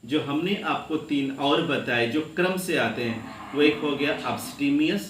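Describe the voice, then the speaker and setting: A man's voice: a little high, expressive, slow. Male lecturer with an Uttar Pradesh Hindi accent, patient classroom delivery, spells words aloud, echoey room with faint hum. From India. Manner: addresses students warmly as children. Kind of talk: classroom grammar lesson.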